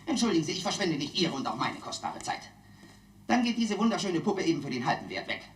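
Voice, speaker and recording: An actor playing a smooth-talking auctioneer in a dubbed film, giving repetitive sales patter and bid calls. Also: male voice, a little high, very animated, quick pace. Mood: salesmanlike patter. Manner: repetitive auctioneer calling of bids. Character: smooth-talking London auctioneer hawking antiques to bidders. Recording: echoey room, old film dub.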